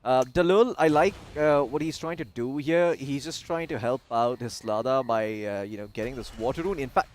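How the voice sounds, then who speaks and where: A man's voice: mid-range voice, normal speed, hardly any pauses, slight background noise. Chatty male esports caster. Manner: chatty, jokey, self-deprecating. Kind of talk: live game commentary.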